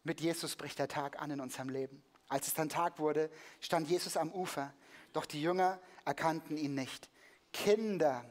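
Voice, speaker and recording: A preacher giving a lively sermon in a church, telling a Bible story, joking with the congregation and acting the scene out with a prop. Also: medium pitch, normal speed.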